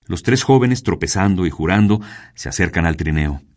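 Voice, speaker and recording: Deep-voiced man narrating a story. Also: animated, darkish tone. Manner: measured, unhurried storytelling. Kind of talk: scripted narration.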